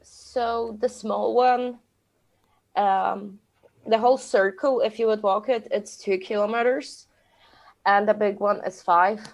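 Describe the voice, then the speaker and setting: Polish woman podcast co-host, mid pitch, halting non-native phrasing, casual. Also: fairly even intonation. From Poland. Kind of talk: casual chat.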